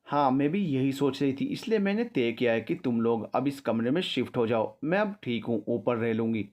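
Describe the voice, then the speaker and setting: A man voicing a calm older mother-in-law who speaks reassuringly and is soon to become a grandmother. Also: medium pitch, normal speed, close to an everyday voice.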